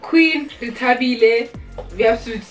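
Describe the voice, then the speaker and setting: A woman's voice: fairly high pitch, a little slow. A young South African woman chatting casually and giggly as she runs a group game. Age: young adult. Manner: giggly, animated. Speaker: host of a family word game. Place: living room sofa, indoors. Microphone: camera a few feet away. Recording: echoey room, distant mic, music.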